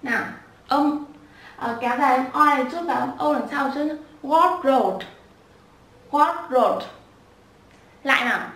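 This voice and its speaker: A woman teaching children pronunciation, repeating each word slowly and breaking it into sounds with patience. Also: sits high, steady tone, a bit bright. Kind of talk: slow spoken lesson with repeated drills. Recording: echoey room, voice a bit far from the mic.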